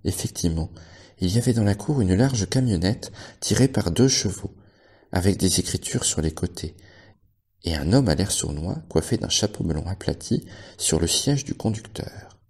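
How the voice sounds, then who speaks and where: A male librarian reading a novel aloud in steady, measured narration. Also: deep voice, slightly rough. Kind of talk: audiobook narration.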